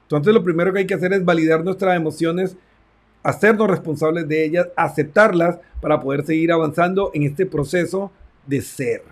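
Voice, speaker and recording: A man's voice: on the high side, moderate pace. A man who works as a therapist, giving a reflective talk on self-esteem and acting out conversations with his clients. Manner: reflective, acts out client dialogues.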